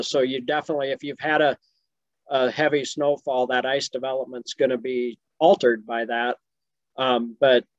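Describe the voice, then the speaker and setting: Speaking from a home office over a video call, this fifties-aged fisheries expert with a Midwestern accent answers webinar questions about fishing in a relaxed way, dropping plenty of ums. His mid-range voice has no room sound, though the webcam audio comes across muffled.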